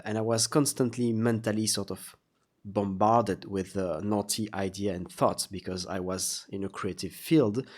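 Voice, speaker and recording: Low-voiced, halting man with a slightly sore throat. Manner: halting, searching for words. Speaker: vlogger, artist. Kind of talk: casual confessional vlog monologue.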